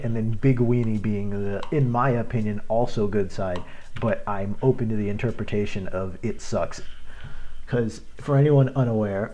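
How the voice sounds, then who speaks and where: A man's voice: medium pitch, dark tone, a little hiss or hum. A young man giving casual gameplay commentary, rambling with many fillers and little chuckles.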